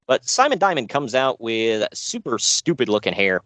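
A man's voice: medium pitch, very animated, normal speed, a bit bright, no echo. A man co-hosting a podcast, recapping a show with dry sarcasm and frequent laughs. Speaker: podcast co-host. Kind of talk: casual chat.

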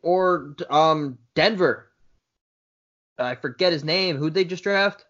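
A man co-hosting a sports podcast, speaking in a laid-back way and pitching trade ideas. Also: takes it slowly, fairly bright tone. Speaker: podcast co-host. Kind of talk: casual sports chat. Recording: dull lo-fi podcast audio.

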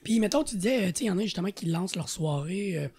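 Gravelly-voiced Québécois co-host. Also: medium pitch, expressive, a crowd in the background. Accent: Québécois French. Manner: upbeat, quick interjections. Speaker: podcast co-host. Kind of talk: casual podcast interview.

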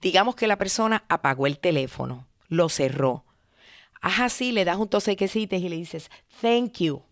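A woman hosts a podcast and gives direct, animated advice, slipping into short acted dialogues as examples. Her voice sits low and sounds smooth and clear. The recording is dry and close, with no room echo. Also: moderate pace. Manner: animated, acts out sample dialogues. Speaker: podcast host.

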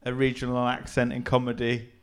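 A man's voice: mid-range voice, monotone, fairly quick, clear, resonant tone. A man hosting a comedy chat show in a casual, conversational way.

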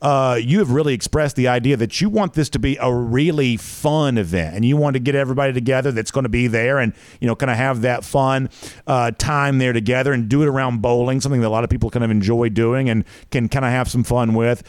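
A man with a medium-pitched voice hosts a casual interview. The sound is dry, and he talks in long, winding, conversational sentences as he builds up his questions. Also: fast, no room sound. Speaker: interview host.

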